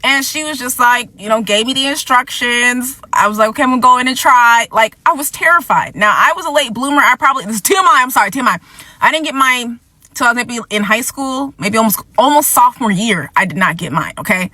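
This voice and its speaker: A woman's voice: on the high side, expressive, brisk, pushed and bright, no room sound. A woman hosting a vlog, delivering impassioned commentary in a blunt, angry, profane way, repeating points for emphasis and fighting back tears. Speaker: vlog host.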